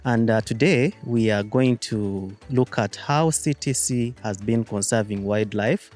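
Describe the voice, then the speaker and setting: A man hosting an interview, asking long questions with halting starts and short murmured replies. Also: on the low side, darkish tone, soft background music. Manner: hesitant, many uh fillers, short backchannels. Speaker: interview host.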